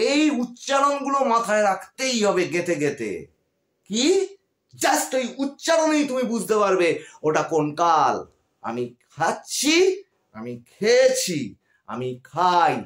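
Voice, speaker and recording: Male tutor with a West Bengal Bengali accent, high animated delivery, patient and repetitive, roomy echo. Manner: patient, repeats key words, frequent check-in questions. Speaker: English grammar teacher. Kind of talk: classroom-style grammar lesson. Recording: echoey room.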